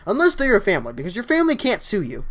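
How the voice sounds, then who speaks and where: Excitable high-voiced young male streamer. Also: racing. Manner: excitable, upbeat, often starts lines with "yo, honestly". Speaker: game streamer. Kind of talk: casual livestream chat while reading viewer comments.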